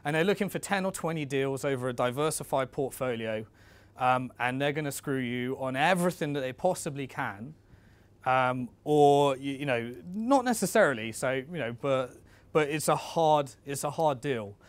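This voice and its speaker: Addressing his listeners directly, a man presents an informal instructional talk in a conversational, coaching style. He speaks at medium pitch and moderate pace with lively intonation, in a dry recording.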